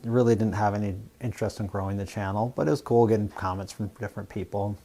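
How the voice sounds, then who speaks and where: A man from the US Northwest who hosts a fabrication channel, talking casually and plainly to camera in a relaxed, rambling way. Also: on the low side, quick pace. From Washington State, US Northwest. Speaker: YouTube fabrication channel host.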